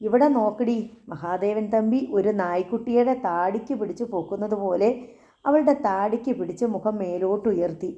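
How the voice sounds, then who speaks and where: A woman reading a novel aloud as an audiobook narrator, in a calm, even storytelling manner. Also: medium pitch, moderate pace, muffled recording.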